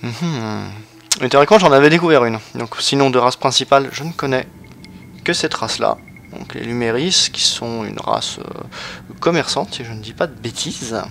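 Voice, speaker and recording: Man, losing his voice, mid-range pitch, hesitant, casual gameplay commentary, lots of fillers. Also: normal speed, gravelly, fairly bright tone, slight background noise. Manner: hesitant, many fillers and restarts. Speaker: let's play host.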